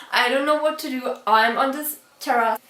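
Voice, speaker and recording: A woman telling a childhood story to camera in a chatty, laughing way, pausing to check her own pronunciation. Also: sits high, pushed and bright. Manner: chatty, laughs often between sentences. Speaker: vlogger. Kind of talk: storytime vlog. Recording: roomy echo from a distance.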